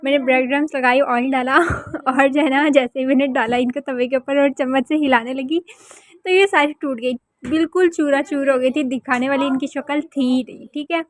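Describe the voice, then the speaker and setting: A young woman chatting casually in a home vlog, talkative and quick to scold. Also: high voice, fairly even intonation, no room sound. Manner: chatty, scolds her sister loudly. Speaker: vlogger. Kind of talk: casual family vlog chat. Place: home indoors.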